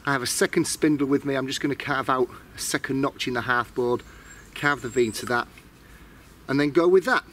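A man's voice: mid-range voice, fairly quick, a bit bright, a little hiss or hum. Chatty man vlogging in the woods. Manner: chatty, self-mocking, explains as he works. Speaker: bushcraft vlogger. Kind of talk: casual outdoor vlog to camera. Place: outdoors in a pine woodland.

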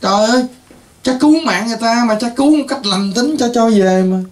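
A male priest with a high-pitched voice. He rambles, scolds and lectures his listeners, often breaking into exclamations. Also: expressive, fairly quick. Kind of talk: scolding talk to patients.

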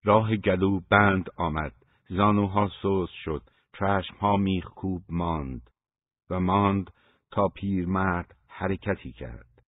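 A man narrating an audiobook in a measured, even storytelling manner. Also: low-pitched, no echo. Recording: dry, phone-like narrow sound.

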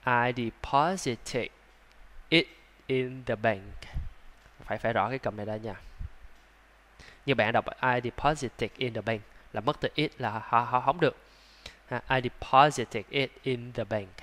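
A man with a Vietnamese accent teaching English pronunciation, sounding out words slowly, repeating them and adding chatty asides. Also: medium pitch. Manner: breaks into soft laughs and chatty asides. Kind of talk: slow, drawn-out pronunciation lesson.

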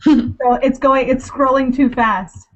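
A woman's voice: sits high, steady tone, slow pace, background noise. A woman co-hosting a live Q&A in a casual video chat, bubbly and rambling with lots of fillers, heard through a computer mic. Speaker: co-host of a live Q&A.

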